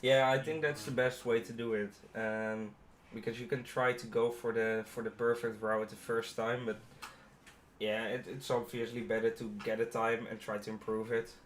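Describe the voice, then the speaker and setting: A man's voice: mid-range voice, little pitch movement, normal speed, a little hiss or hum. A man co-commentating a gaming tournament, laughing along and giving short replies. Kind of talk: casual live commentary.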